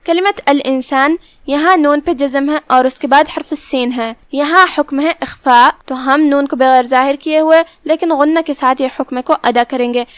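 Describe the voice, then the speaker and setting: A woman with a Pakistani Urdu accent, teaching Quran recitation rules in a measured, instructive way. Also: sits high, fairly even intonation, no echo. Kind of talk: tajweed lesson, explaining rules word by word.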